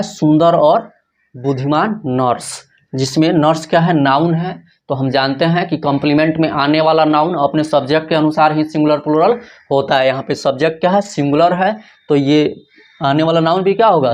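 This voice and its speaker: A man's voice: fairly high pitch, a little mellow. Man teaching grammar in a raised voice. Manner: asks questions and answers them himself, repeats key points. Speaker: English teacher. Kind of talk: classroom grammar lesson.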